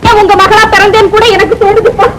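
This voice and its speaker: A woman's voice: very high voice, flat delivery, quick pace. An actress playing a spoiled young daughter, complaining tearfully to her father. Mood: aggrieved. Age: young adult. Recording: old film soundtrack, loud noise.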